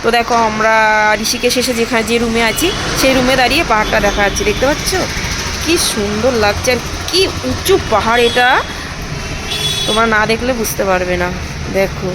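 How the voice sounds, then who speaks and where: Woman travel vlogger, eager and chatty, filmed on a phone outdoors with heavy background noise. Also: on the high side. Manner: excited, repeatedly urging viewers to look. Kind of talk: casual travel vlog. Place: outdoors on a hillside by a road.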